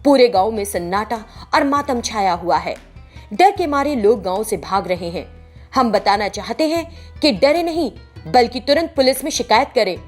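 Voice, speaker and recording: A woman's voice: a little high, animated, moderate pace, soft background music. Woman voicing a formal TV news reader. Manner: announcing, formal.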